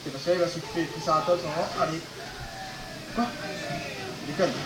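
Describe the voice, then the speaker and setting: A man giving excited commentary on a video game he is playing, talking straight to his viewers, often shouting and laughing. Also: a little high, a little fast, reverberant, heavy background noise. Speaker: gaming video host.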